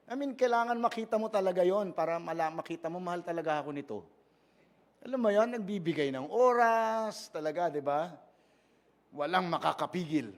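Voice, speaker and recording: A man with a Filipino accent, a pastor giving a playful, conversational sermon and often checking in with the congregation. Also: sits high. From Philippines. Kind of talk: conversational sermon mixing Tagalog and English.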